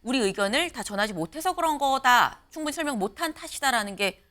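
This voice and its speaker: Bright lively woman anchoring a TV panel. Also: high voice. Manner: brisk, reads poll figures aloud. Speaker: news anchor. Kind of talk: moderating a political panel. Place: TV studio.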